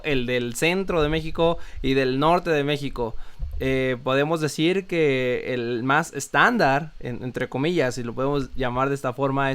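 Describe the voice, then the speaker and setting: A co-host from Mexico City with a central Mexican accent, asking curious questions in a casual interview chat. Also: male voice, mid-range voice, clean tone. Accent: central Mexican Spanish.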